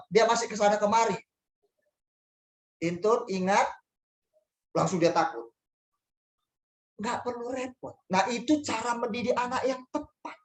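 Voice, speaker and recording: Male pastor, animated sermon delivery, preaching in a church hall with a roomy reverb. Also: high-pitched. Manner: animated, emphatic storytelling to the congregation. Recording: roomy echo.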